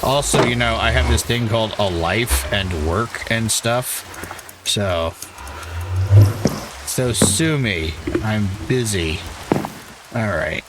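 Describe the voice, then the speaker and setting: A man's voice: lowish voice, slow, long pauses, heavy background noise. A man with a New England accent, talking to himself in a dry, wry way while playing a game. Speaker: gameplay streamer. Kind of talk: casual gameplay commentary.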